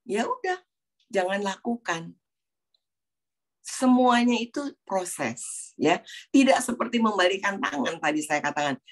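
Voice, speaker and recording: A middle-aged woman giving a faith talk to a prayer group, telling stories from her own family and acting out the prayers and conversations she quotes. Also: medium pitch. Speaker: guest speaker at a prayer fellowship.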